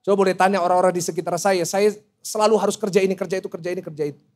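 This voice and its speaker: A man's voice: sits high, rapid-fire. A middle-aged man with an Indonesian accent preaching a sermon as pastor, asking the congregation questions and joking between points. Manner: lively, asks the congregation questions and jokes. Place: church hall.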